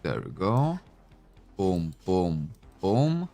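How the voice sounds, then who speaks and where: A Lithuanian-born man streams games and talks in English in a slightly low, creaky voice, rambling with plenty of ums and uhs and drawing out his words. His livestream commentary is relaxed and chatty, as if he's thinking aloud. He sits close to a desk microphone in a room at home, with soft music playing in the background.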